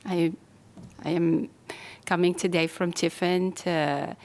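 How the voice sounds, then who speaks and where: During public comment at a city council meeting, a woman from Algeria offers a brief, hesitant thank-you with many pauses and restarts. Her voice is fairly low, steady, and a little mellow.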